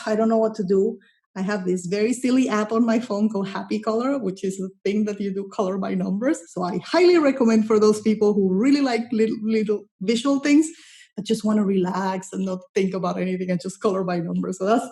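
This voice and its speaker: A woman's voice: mid-range voice, warm tone. A middle-aged woman from Colombia, a guest in an interview, talking enthusiastically and often repeating words as she searches for phrasing. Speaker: guest, content strategist. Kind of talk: casual interview talk.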